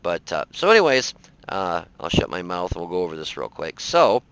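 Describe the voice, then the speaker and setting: Tired guy rambling over his game footage, folksy, lots of ums, bright crisp voice. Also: low voice, sing-song, a little fast, poor audio. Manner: rambling, filler-heavy, folksy. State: tired, yawning. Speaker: game reviewer. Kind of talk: casual gameplay commentary.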